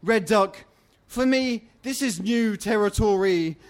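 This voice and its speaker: A man's voice: high-pitched, slow. A man voicing a timid male bat sorcerer who pleads nervously. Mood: pleading.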